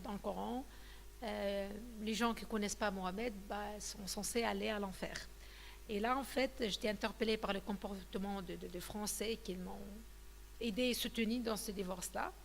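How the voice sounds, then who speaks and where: A Tunisian woman in her thirties gives her personal testimony as an interview guest, hesitant and full of fillers and restarts. Her mid-range voice is creaky, with a long reverb tail and slight background noise.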